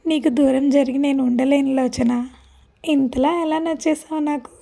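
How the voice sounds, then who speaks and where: A tender, reassuring young husband in a storybook romance, as a woman reader puts him on. He speaks softly and intimately, in a high, mellow voice. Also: fairly even intonation, normal speed, vocal fry.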